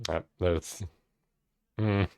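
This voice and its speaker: A man's voice: deep voice, steady tone, extremely slow, a little mellow, clear, resonant tone. A man hosting an anime reaction video, musing casually and swearing now and then when something impresses him.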